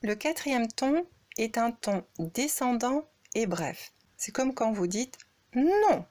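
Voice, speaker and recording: A woman teaches in a slow, careful way. Her voice sits fairly high, and she speaks each sentence at an unhurried, explanatory pace. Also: big pitch swings, darkish tone, dry recording. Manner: slow, explanatory, sings out example syllables. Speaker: Chinese language teacher. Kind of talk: spoken lesson demonstrating tones.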